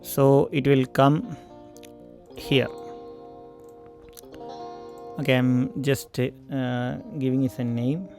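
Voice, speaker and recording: A man with an Indian English accent walking through audio interface settings in a tutorial, pausing often for mic checks and fillers. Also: medium pitch, flat delivery, a little mellow, soft background music. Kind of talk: screen-recorded software tutorial. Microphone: studio microphone.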